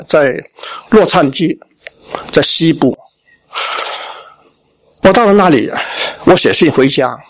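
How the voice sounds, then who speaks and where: A middle-aged male pastor from Shandong, telling his life story in a sermon and acting out the family talk. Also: a little high. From Shandong, China. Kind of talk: sermon testimony.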